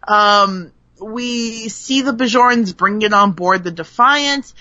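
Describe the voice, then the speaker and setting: A woman's voice: medium pitch, takes it slowly, no echo. A woman hosting a podcast, recapping an episode in a casual chat and laughing often as she tells it. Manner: laughs often, animated storytelling. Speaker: podcast host. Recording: slightly muffled dry recording.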